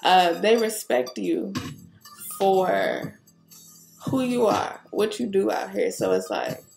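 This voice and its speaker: A woman's voice: mid-range voice, huge pitch swings, slow pace, darkish tone. A woman giving a casual tarot reading straight to the viewer, rambling, laughing and swearing as she goes. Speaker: tarot reader. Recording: roomy echo with clear music behind.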